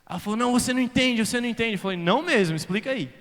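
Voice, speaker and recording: A man with a Brazilian Portuguese accent preaching at a youth conference, moving between quiet storytelling and shouted appeals and mixing English phrases into his sermon. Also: very high-pitched, very fast. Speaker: youth pastor. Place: large conference hall. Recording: reverberant hall.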